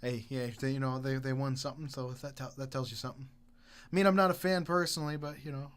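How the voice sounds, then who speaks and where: A man's voice: medium pitch, fairly even intonation, fast talker, smooth. A young man co-hosting a podcast in casual chat, jokey and easily sidetracked. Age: young adult. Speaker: podcast co-host.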